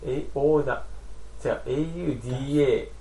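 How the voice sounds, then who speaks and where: A man chatting casually on a podcast, teasing his co-host and patiently explaining software. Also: medium pitch, steady tone, brisk, reverberant, rough recording. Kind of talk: casual chat.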